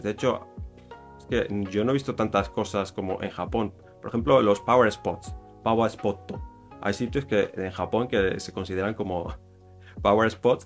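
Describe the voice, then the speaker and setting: A man with a Spain Spanish accent, casually explaining a cultural topic in a rambling way, full of fillers and self-corrections. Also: fairly low pitch. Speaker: YouTuber explaining Japanese culture.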